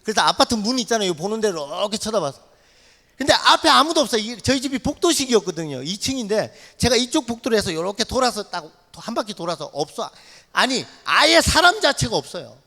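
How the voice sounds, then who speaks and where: A high-pitched male missionary races through a dramatic personal testimony, his voice leaping up and down as he acts out every shout. He is recorded in a church sanctuary, and his words ring on in a long reverb. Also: fast. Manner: animated storyteller, acts out shouts and dialogue.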